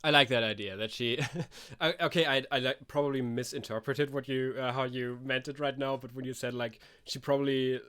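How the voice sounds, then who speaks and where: A man's voice: mid-range voice, steady tone, brisk, few pauses, fairly bright tone, clear, resonant tone. A man narrating as game master of a tabletop role-playing game, thinking aloud with many restarts.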